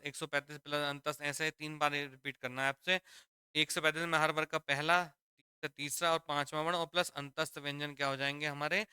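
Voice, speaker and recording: A man's voice: on the high side, bright, forceful tone, clean tone, no echo, studio quality. A man teaching a grammar lesson, repeating each point and quizzing his students with questions, calling them children. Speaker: Hindi teacher.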